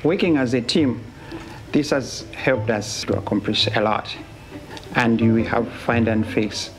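An oxygen engineer tells his story plainly in a documentary interview recorded in an indoor room, with a music bed playing behind him. His voice is medium in pitch, his pace measured, and there's slight background noise.

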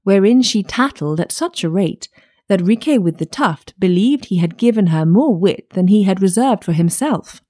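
A woman narrating a fairytale audiobook in a measured storytelling manner. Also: medium pitch, animated, warm tone.

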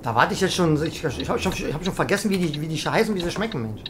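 A woman's voice: sits low, animated, very fast, noisy background. Chatty woman streamer teasing her chat. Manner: chatty, teasing viewers, mock-indignant. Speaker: gaming streamer. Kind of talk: live game commentary reading chat.

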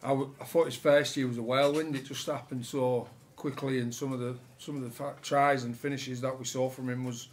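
At a post-match press conference, a rugby league head coach from England takes questions in front of a sponsor board, with slight background noise in the room. His medium-pitched answers are relaxed and halting, packed with fillers and restarts.

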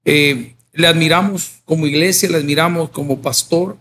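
Podcast host, man, slightly high voice, faint rumble behind. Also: normal speed, a bit bright. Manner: brief encouraging interjections. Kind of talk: interview.

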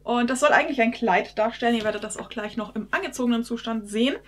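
A woman's voice: fairly high pitch, quick pace, fairly bright tone, a little hiss or hum. A woman chatting casually to her viewers in a haul vlog, recorded in her bedroom. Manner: chatty, addresses viewers directly. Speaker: YouTube vlogger.

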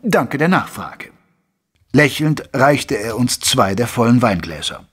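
An actor playing a gentleman doctor who narrates a German detective radio play in a measured, formal storytelling manner. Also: mid-range voice, sing-song, slightly rough, exaggerated voice. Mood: polite. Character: gentleman doctor recounting his detective friend's cases. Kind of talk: scripted first-person radio play narration.

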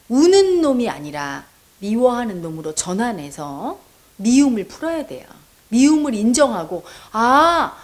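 A woman's voice: fairly high pitch, a little mellow. A woman meditation teacher counseling a viewer, talking straight to her with earnest, coaxing prompts. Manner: addresses the listener directly with coaxing prompts; earnest, persuasive, acts out quoted voices. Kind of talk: counseling talk answering a viewer's question.

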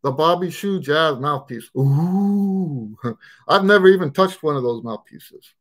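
Answering questions on a relaxed live stream, this middle-aged man, a trumpet teacher, talks a little slowly in an expressive, fairly high voice. He wanders through his answers, frequently starting over and stumbling on repeated words. It's recorded indoors in his living room on a webcam about a desk's length away.

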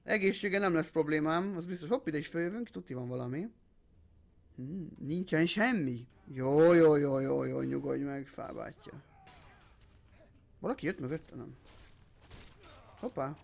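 This young man commentates his gameplay with a high voice, hyping himself up and dropping curses. He throws English gamer phrases into his talk and gets loud in fights. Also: gravelly, long pauses. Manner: excitable, swearing, hyped-up shouting. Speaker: gaming channel host. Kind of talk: let's play commentary.

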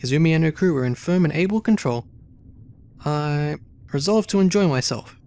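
A man hosting a let's play, reading the game's story text aloud and adding wry, relaxed asides. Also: fairly high pitch, moderate pace.

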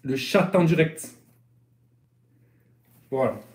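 A man's voice: fairly high pitch, takes it slowly, a little mellow, echoey room. A man with a Marseille accent, a sailing coach chatting loosely through a live-stream lesson, often repeating and restarting his phrases. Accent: Marseille French. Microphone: live-stream phone or webcam.

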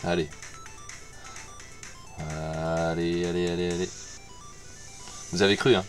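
A man's voice: low-pitched, flat delivery, takes it slowly, soft background music. A man gives casual commentary over his gameplay, muttering to himself, repeating words and swearing when he fails. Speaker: gamer playing on stream.

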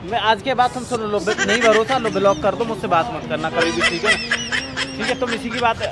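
A young man in a heated, defensive street argument, loud and exasperated, insisting he is telling the truth. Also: high voice, fairly quick. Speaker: accused boyfriend in a staged street prank. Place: busy street outdoors. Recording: noisy street crowd.

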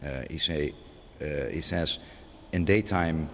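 This is a slow, rumbling low voice belonging to a middle-aged man, a curator being interviewed without a script in a large gallery. He hesitates a lot, restarting and filling gaps, while the space rings with long reverb over faint background noise.

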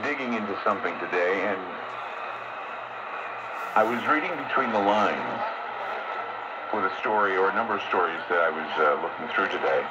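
Low-voiced radio talker buried in static. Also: male voice. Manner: halting, circling back on phrases. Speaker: radio talk host. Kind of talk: rambling conversational radio monologue. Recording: very noisy, muffled AM radio.

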